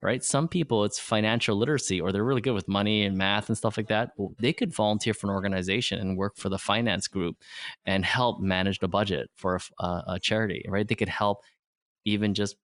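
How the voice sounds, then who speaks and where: Speaking fairly quickly with fairly even intonation, this lowish, fairly bright-toned man in his forties, whose first language is Vietnamese, guests on a podcast. He earnestly lays out motivational ideas in simple wording, frequently adding "right?", and there's no echo.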